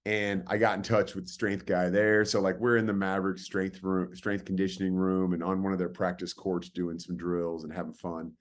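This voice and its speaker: A man's voice: low-pitched, little pitch movement, moderate pace, hardly any pauses. A man in his forties from California, a podcast guest telling stories in a rambling, casual way with hesitant restarts. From California, USA. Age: 40s. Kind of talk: casual storytelling.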